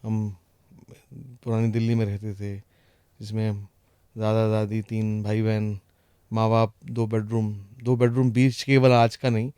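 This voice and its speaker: A man's voice: on the low side, flat delivery, unhurried, long pauses, mellow, clean tone, dry recording. A middle-aged man from India with an Indian accent, a guest in casual chat, mixing English phrases and often adding "right?" and "you know".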